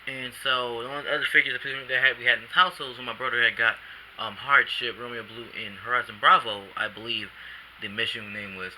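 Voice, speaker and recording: This toy reviewer, recorded on a camcorder at home, rambles casually about an action figure in slang, repeatedly restarting sentences and sounding a little drowsy after a nap. His medium-pitched voice is steady yet sharp and quick, and the poor audio carries a slight hiss or hum.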